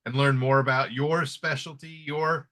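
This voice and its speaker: A man's voice: medium pitch, steady tone, normal speed, fairly bright tone. A man hosting a live trading webinar, talking in a friendly casual way with many fillers and restarts. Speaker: webinar host.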